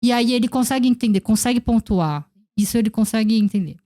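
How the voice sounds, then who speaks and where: Woman, Brazilian Portuguese accent, thirties, podcast guest, reflective, storytelling, warm dark tone. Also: a little high, quick pace. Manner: reflective storytelling, acting out quoted dialogue. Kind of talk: casual conversation.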